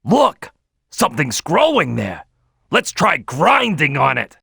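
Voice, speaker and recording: A brash crocodile detective from a cartoonish video game. The voice is high for a male and swings wildly up and down. It is bossy, cocky and streetwise, with a forceful bark. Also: huge pitch swings, takes it slowly, gravelly, husky, no room sound, studio quality, heavily acted. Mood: watchful, bossy. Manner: boisterous, cocky, streetwise, barking. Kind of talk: animated video game character acting.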